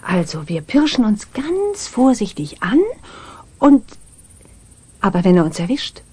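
A woman voicing a patient witch mother in a children's radio play, husky and unhurried. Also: mid-range voice, big pitch swings, dark tone, dry recording. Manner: patient and motherly, singsong spells.

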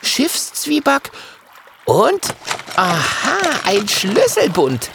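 A man's voice: high-pitched, huge pitch swings, drawn-out words, gravelly, noisy background, voice pushed up, heavily acted. A man doing a chirpy little dragon boy. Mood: eager. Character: excited young male little dragon. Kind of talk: storybook reading.

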